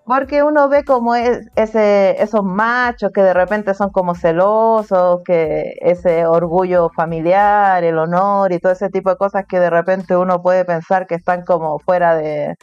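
A woman's voice: fairly low pitch, steady tone, unhurried, hardly any pauses, clear, resonant tone, dry recording, dull audio, soft background music. A woman from Chile with a Chilean Spanish accent, an artist being interviewed in a casual, chatty way. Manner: casual, chatty, laughs between points. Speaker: interviewee, artist living abroad. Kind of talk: remote interview conversation.

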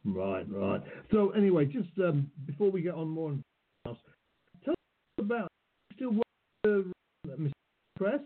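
Slightly high husky guy hosting a chat, lots of hesitating, sounds like he's on the phone. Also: big pitch swings. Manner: halting, hesitant questioner. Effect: heard over a phone-like call line. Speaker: podcast host. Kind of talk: casual interview questions. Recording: husky voice on tinny phone-like call.

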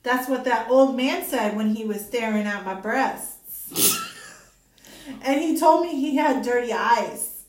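A woman's voice: a little high, wildly swooping pitch, slow pace, pauses often. A young woman, tipsy and giggling nonstop, chatting rowdily with a friend. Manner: giggly, rowdy, laughs constantly. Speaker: friend being filmed. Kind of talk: casual chat. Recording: echoey room.

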